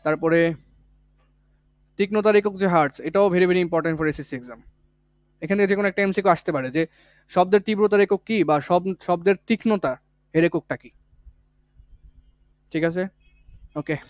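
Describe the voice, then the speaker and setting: A man teaches a physics lesson for exam prep. His voice sits high, and it is recorded dry and close. He speaks casually and repeats each key point. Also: moderate pace, pauses often, no echo. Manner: colloquial, with village words.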